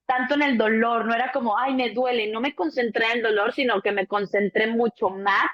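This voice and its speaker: A Mexican woman in her thirties, a doula, telling a birth story in a relaxed chat, acting out the voices of the people in it and swearing casually. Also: a little high, a little fast. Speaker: doula, co-host. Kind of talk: casual conversation. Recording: dull lo-fi sound.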